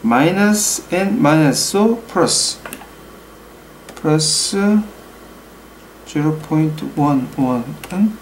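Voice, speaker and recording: In this thinking-aloud tutorial, a hobby mechanic who speaks English with a Korean accent, his native language being Korean, works slowly through calculations at his desk in a small room at home. He hesitates often, using pauses and fillers as he reads the numbers aloud, his voice a little high. The rough recording has a little hiss or hum.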